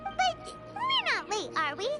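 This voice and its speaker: A woman voicing a tiny floating female companion in a game, childlike, excitable and squeaky. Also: measured pace, heavily acted. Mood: chirpy. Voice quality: squeaky, bouncy. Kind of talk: game voice acting. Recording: game audio with loud music.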